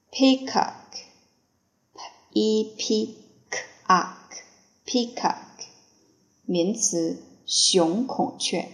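A woman's voice: medium pitch, creaky, echoey room. A woman teaching vocabulary, spelling each word letter by letter, repeating it, then giving its part of speech and meaning. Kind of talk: slow word-by-word vocabulary drill.

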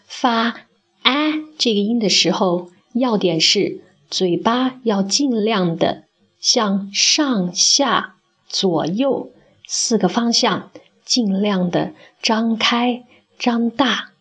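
A woman teaching English pronunciation in a scripted phonics lesson, speaking slowly and carefully and demonstrating sounds for the listener to repeat. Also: medium pitch, a bit bright, breathy edge.

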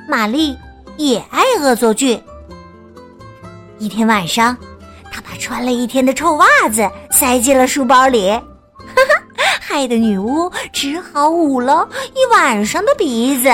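一位女士给孩子讲睡前绘本故事，语调温柔，像唱歌一样拖长。. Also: female voice, high-pitched. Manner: gentle, sing-song, drawn-out storytelling. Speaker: children's storyteller. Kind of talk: bedtime picture-book narration.

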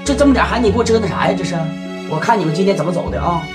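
Grumpy old village grandpa, blustering, music in the background. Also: male voice, high-pitched, lively intonation, rapid-fire. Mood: scolding. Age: older. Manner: loud, scolding, blustering. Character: bossy stubborn village grandfather, quick-tempered.

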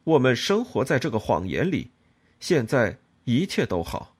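A male reader voices a self-pitying lover who explains and pleads in earnest. The voice is husky and close to the reader's own, with lively rises and falls in pitch. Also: moderate pace. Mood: pleading.

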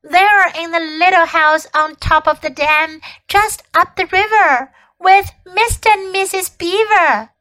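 A woman's voice: extremely high pitch, a little slow, few pauses, bright, forceful tone, voice pushed up, heavily acted, poor audio. A woman voicing a frightened young boy who pleads eagerly and trembles as he speaks. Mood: pleading.

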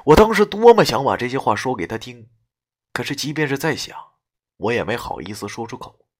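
Husky man telling a spooky comic tale. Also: mid-range voice, big pitch swings, a little fast. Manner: dramatic, swinging between hushed and loud. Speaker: storyteller. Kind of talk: live-streamed horror-comedy storytelling.

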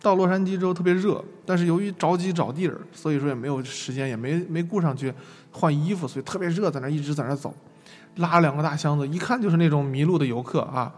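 A young man from China talks his class through a travel mishap at a brisk clip, his voice sitting a touch high. He mocks himself as he goes, and the recording rings with a long reverb over faint music. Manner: lively, self-mocking storytelling with laughs. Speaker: lecturer. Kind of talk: online lecture storytelling.

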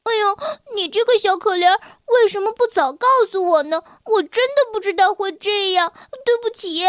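A woman's voice: very high-pitched, lively intonation, unhurried, dry recording, studio quality. A woman voicing a playful, mischievous young male frog in a children's storybook, with a teasing, giggly way of talking. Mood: concerned. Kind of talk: storybook reading.

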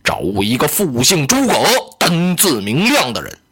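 A loud, hot-tempered general barks his questions in a big, slightly husky voice, pitched below the storyteller's own. A man acts him out in Chinese oral storytelling. Blunt and impatient, he never softens. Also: huge pitch swings, moderate pace, heavily acted. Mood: gruff impatient. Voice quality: booming loud voice. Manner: blunt, impatient, shouting gruffly.

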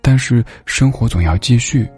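A man's voice: mid-range voice, normal speed, a little mellow, faint music behind, lightly acted. A man voicing a caring neighbor in a storybook who speaks in an urgent, reassuring way. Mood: earnest.

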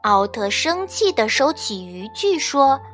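A woman reading a children's storybook aloud, expressive and measured. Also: sits high. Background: faint children's music.

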